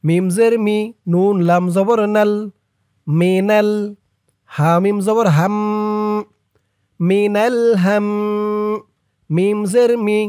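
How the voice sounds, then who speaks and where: Male prayer teacher, high voice, slow measured delivery, patient drills, dry close-mic recording. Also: a little mellow, no echo. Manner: patient, repeats each syllable for viewers to follow. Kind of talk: spelling-out lesson of a prayer.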